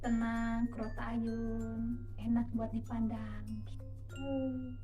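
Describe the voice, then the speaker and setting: A chatty woman with a high voice gives casual advice to wives. She sits back from the mic in an echoey room, and faint music runs behind her. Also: level tone, takes it slowly, dark tone. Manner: chatty, keeps tagging "ya kan?". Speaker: host giving marriage advice to wives. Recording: roomy, a bit far from the mic.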